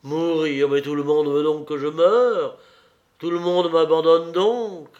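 A man voicing a proud, desperate Roman emperor who cries out in high, loud panic in an audiobook reading. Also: steady tone, normal speed, dull audio, lightly acted. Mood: anguished.

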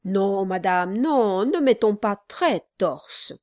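A woman's voice: mid-range voice, slow pace, no echo, studio quality. A woman doing an oily, fawning male lawyer. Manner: unctuous, exaggerated flattery. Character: fawning sly male lawyer, gushing and obsequious.

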